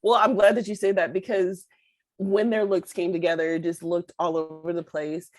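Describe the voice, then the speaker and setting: A woman co-hosting a podcast in casual chat, talkative and quick to laugh. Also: lowish voice, little pitch movement, a little mellow. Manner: chatty, laughs often. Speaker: podcast co-host.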